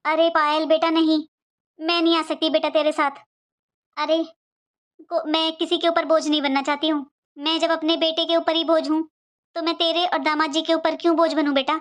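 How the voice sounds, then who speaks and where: Woman voicing a meek, soft-spoken elderly mother. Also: high-pitched, little pitch movement, moderate pace, lightly acted. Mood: pleading. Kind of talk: family drama acting.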